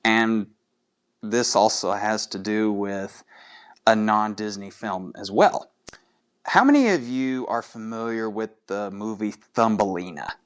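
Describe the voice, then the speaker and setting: Slow-paced, smooth-voiced man chatting to listeners. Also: lowish voice. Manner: chatty, addresses listeners with rhetorical questions. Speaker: podcast host. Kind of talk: casual monologue to listeners, fan trivia.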